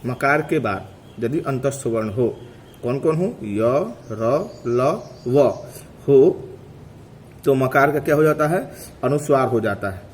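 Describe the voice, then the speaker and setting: A man's voice: medium pitch, a little hiss or hum. Man teaching grammar, quizzing himself. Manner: asks questions and answers them himself; repeats terms slowly to drill them. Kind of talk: classroom lecture.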